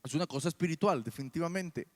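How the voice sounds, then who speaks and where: Preaching in church with a Mexican Spanish accent, a man delivers an animated sermon packed with rhetorical questions. His voice is a little high and his pace quick.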